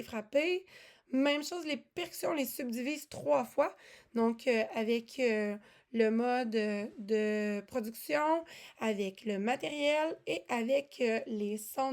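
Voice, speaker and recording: A woman presents music lesson materials in a casual walkthrough. Her voice sits slightly high, and she talks in a chatty way, with frequent fillers and self-corrections. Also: a little slow. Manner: chatty, many fillers and restarts. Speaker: music teaching resource presenter.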